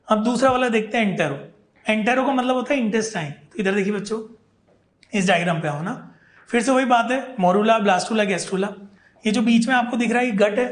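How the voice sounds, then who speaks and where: A man teaching a biology class online, patiently repeating key terms for his students. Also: high voice. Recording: echoey room.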